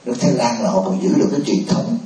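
A man speaks as a Buddhist monk hosting a temple discussion, chatty and fond of joking asides. His voice is mellow and dark. He is heard from across an echoey hall rather than close to the mic. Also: mid-range voice, very fast. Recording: roomy hall, from a distance.

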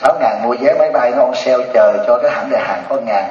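A man's voice: medium pitch, quick pace, darkish tone. A man, a Buddhist monk giving a humorous dharma talk and teasing his listeners. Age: 70s. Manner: joking, teasing storyteller. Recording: distant, echoey, dull lo-fi hall recording. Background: audience laughter.

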